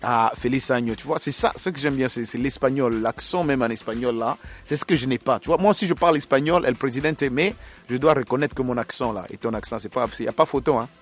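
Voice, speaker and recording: Lively, joking male radio host. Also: mid-range voice, fast, soft background music. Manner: lively, jokey, laughs often. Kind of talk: casual radio chat with greetings.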